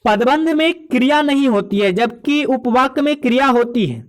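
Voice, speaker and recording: A man's voice: very high voice, lively intonation, moderate pace. A man teaching an exam-prep grammar lesson, explaining step by step with examples and checking in with the students.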